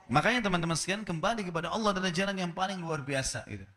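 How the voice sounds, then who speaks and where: A man's voice: rapid-fire, in a large hall. A man preaching a sermon, telling a story with acted-out dialogue and asking the listeners rhetorical questions. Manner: animated storytelling, acting out dialogue with rising pitch.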